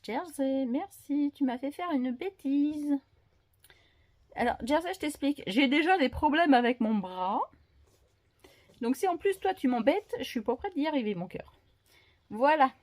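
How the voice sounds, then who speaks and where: A woman's voice: sits high, animated, unhurried, pauses often, a little mellow. A woman in a casual home book vlog, talking with many fillers and restarts, and speaking fondly to her dog between thoughts. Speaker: book vlogger.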